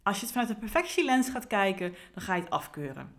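A woman's voice: mid-range voice, very animated, fast, fairly bright tone. A woman, a career coach, talking earnestly in a reflective podcast monologue with frequent fillers and restarts.

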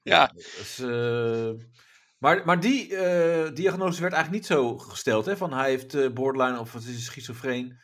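A man's voice: medium pitch, animated, measured pace, a bit bright. A man hosting a podcast, chatting casually and hesitantly with many fillers and restarts. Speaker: podcast host. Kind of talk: casual chat.

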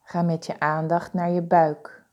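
A woman leading a guided body-scan meditation, giving calm, soothing, deliberate instructions with pauses. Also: lowish voice, muffled recording.

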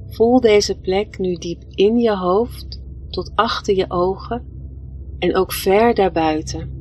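Slow, soothing woman guiding a meditation. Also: medium pitch, lo-fi sound, a little hiss or hum. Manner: soft, soothing, gentle delivery with long pauses. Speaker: guided meditation leader. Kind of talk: guided meditation narration. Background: music.

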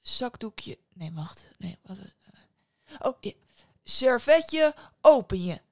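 A woman's voice: sits high, animated, moderate pace, no echo, clean studio sound, pitched above the performer's own voice. A woman voicing a dim-witted, cheerful boy who fumbles for his words in a storybook reading. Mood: fumbling. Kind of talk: storybook voice acting.

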